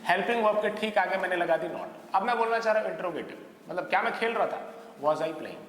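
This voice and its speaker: A man with an Indian English accent teaches a grammar lesson in a fairly high voice. He explains each rule step by step and keeps checking in with his listeners. The sound is roomy with a long hall echo and a faint hum of ambience behind him. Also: expressive, quick pace, a bit bright.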